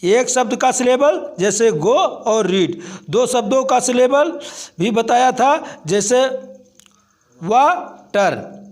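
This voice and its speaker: Male teacher, high voice, unhurried word-by-word glossing for school pupils. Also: a little mellow. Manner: slow, deliberate word-by-word glossing. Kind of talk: word-by-word translation lesson.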